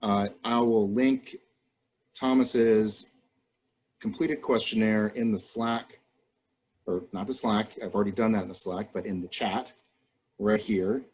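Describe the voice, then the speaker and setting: A man's voice: fairly low pitch, steady tone, a little slow, pauses often, darkish tone, breathy edge. A man moderating an online endorsement forum on a video call, polite and procedural.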